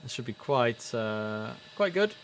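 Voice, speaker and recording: A medium-pitched male host speaks a little slowly during a casual game livestream. His chatter drifts now and then into air-traffic-radio-style clipped phrases, with steady noise in the background.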